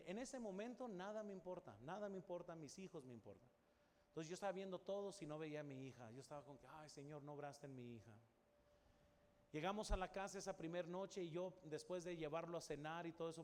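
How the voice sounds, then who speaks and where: Middle-aged man, pastor's sermon, somewhat high voice, long church reverb. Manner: storytelling, drops to soft voice for quoted prayers. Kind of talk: sermon with personal story. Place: large church hall. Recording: long church reverb, faint room noise.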